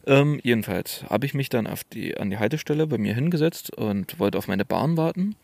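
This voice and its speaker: A young man casually telling a story on a podcast in slangy, animated speech. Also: medium pitch, a little fast, creaky, no echo.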